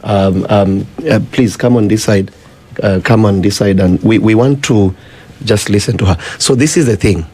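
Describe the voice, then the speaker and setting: Low-voiced Kenyan man, insistent. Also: normal speed, warm tone, husky. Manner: insistent, repeats himself. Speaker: guest demonstrating a tech system. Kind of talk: persuasive explanation in conversation.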